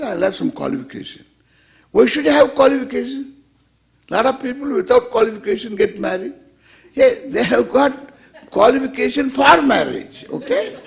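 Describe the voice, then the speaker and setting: Man, Indian English accent, heavy vocal fry, lively swooping intonation, spiritual teacher, question-and-answer delivery, repeated phrases, playful wit. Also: very high voice. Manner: playful, wry humor. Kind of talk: informal spiritual discourse to a live audience.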